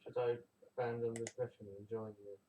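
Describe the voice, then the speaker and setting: A man's voice: mid-range voice, level tone, fairly quick, a little hiss or hum. A man chatting casually with dry jokes from across the room. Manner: dry, joking. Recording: dull, echoey, from far off.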